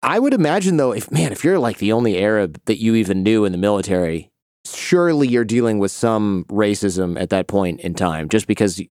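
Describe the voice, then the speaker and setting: A man from Detroit hosting an interview, chatting in a relaxed, reflective way. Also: fairly low pitch, a little fast, clear, resonant tone, no room sound, studio quality. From Detroit, Michigan. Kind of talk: casual interview chat.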